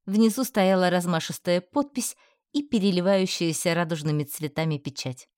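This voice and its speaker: A woman narrating a first-person fantasy novel in a steady, expressive storytelling manner. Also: fairly low pitch, moderate pace, no echo, clean studio sound. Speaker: audiobook narrator.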